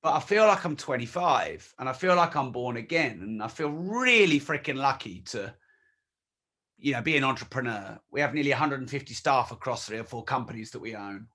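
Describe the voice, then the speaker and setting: A man's voice: mid-range voice, lively intonation, brisk, sharp tone. A man in his forties, a guest in an interview, talking bluntly and emphatically and swearing freely. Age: 40s. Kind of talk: candid conversational interview.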